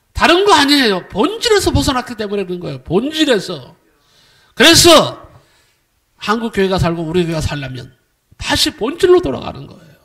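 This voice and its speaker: A middle-aged male pastor preaching a sermon, emphatic, firing rhetorical questions at the congregation and acting out quoted voices. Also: very high voice. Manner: acts out quoted voices with sudden swings in loudness.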